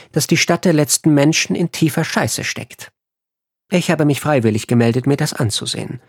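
A man voicing a calm, unflappable female ambassador who speaks in a dry, matter-of-fact way, in an audiobook. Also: fairly high pitch, slightly rough, no room sound.

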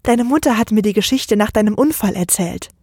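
A woman voicing a sweet young wife, talking in a raised, earnest, somewhat husky voice. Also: mid-range voice, brisk, a little mellow, no room sound, clean studio sound. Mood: pleading.

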